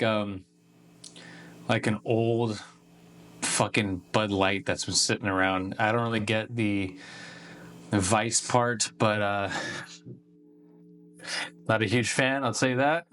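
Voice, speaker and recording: A man's voice: fairly low pitch, fairly even intonation, slow, pauses often, a bit bright, slight background noise. A man hosting a casual beer-tasting review video, talking in a laid-back, profane, slangy way.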